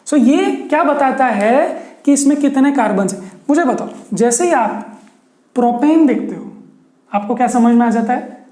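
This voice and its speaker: A man's voice: very high voice, a little mellow, echoey room. A male teacher giving a lesson, who keeps asking his students questions and repeats key words as he explains step by step. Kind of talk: online classroom lesson.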